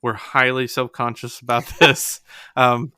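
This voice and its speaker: Bright, clear-voiced young man chatting eagerly. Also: mid-range voice, little pitch movement, a little slow, dry recording, clean studio sound. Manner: enthusiastic, rambling with fillers like "like". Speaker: podcast co-host. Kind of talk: casual podcast chat.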